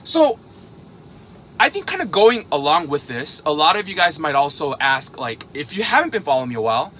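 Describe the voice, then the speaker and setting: Brisk and very animated, his fairly high voice has a sharp tone and a little hiss or hum behind it. He's a thirty-something investing vlogger from South Korea, raised in Hungary, speaking casually to camera and asking "okay?" after nearly each point.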